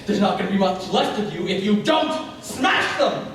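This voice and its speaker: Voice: medium pitch, expressive, moderate pace, a bit bright, slight background noise, close to an everyday voice. An actor playing a bossy, cackling megalomaniac villain in a broad stage comedy, impatient and gleefully murderous. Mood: impatient bullying. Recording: echoey hall from far off.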